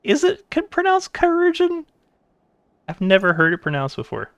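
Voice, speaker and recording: A man's voice: extremely high pitch, huge pitch swings, moderate pace, creaky, dry recording. A man reacting casually to a video game during a live playthrough. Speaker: gaming streamer. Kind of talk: live let's-play commentary.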